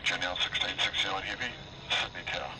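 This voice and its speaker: A man's voice: deep voice, fairly quick. A man speaking clipped aviation phraseology over an air traffic control radio transmission. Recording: distant radio feed with loud static noise.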